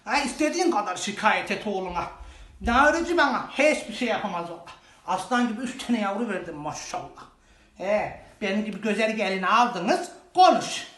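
A performer playing an overworked, sharp-tongued young bride in a comic sketch, fast and scolding. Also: medium pitch, expressive, close to an everyday voice. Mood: indignant. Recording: roomy echo.

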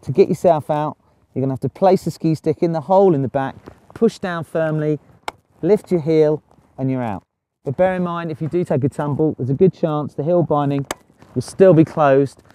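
Mellow-voiced male ski instructor. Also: on the high side, brisk, a little hiss or hum. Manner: plain-spoken, step-by-step explaining. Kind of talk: instructional presenting to camera. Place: outdoors on a snowy mountain slope.

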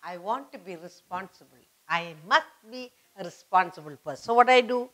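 A middle-aged woman with an Indian accent teaches children at a whiteboard in an indoor studio, repeating and stressing key words didactically. Her mid-range voice is animated and fairly bright, at normal speed.

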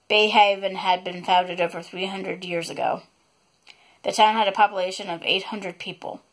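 A woman reading a chapter of her own novel aloud, unedited, stopping now and then to apologize for slips and add asides. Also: on the low side.

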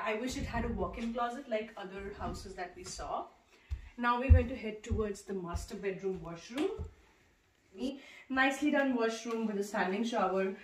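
A young Punjabi-speaking vlogger chats casually while walking through an empty house with bare rooms, using many fillers, especially frequent "uh"s. Her medium-pitched voice is captured off mic by a handheld camera at a distance, with echo from the empty rooms and a little hiss or hum.

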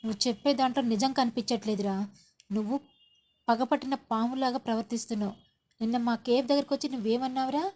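A woman's voice: fairly high pitch, a little mellow, lightly acted. A woman voicing an angry young man who accuses another man of hiding a missing girl. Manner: accusing, demanding.

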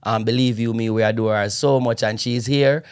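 Jamaican male podcast host, playful and lively, casual chat. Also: medium pitch, moderate pace, smooth.

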